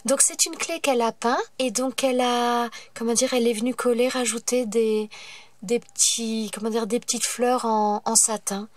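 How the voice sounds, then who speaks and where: A woman's voice: fairly high pitch, little pitch movement, moderate pace, no room sound. A woman who hosts a craft channel, with a stuffy nose from a cold, chatting casually as she opens her mail and breaks into delighted exclamations. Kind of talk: casual mail-opening vlog.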